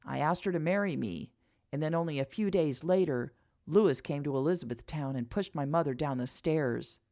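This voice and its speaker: A woman voicing a calm, protective young man who speaks gently and steadily in a storybook reading. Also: deep voice, moderate pace. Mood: serious.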